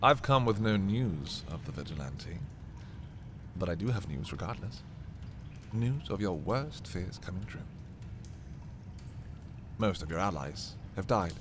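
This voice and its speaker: In a dark fantasy audio roleplay, a male actor with a low, expressive voice plays a haughty, menacing prince coolly taunting a captive thief. He is theatrical and condescending, using dramatic pauses, with background noise present.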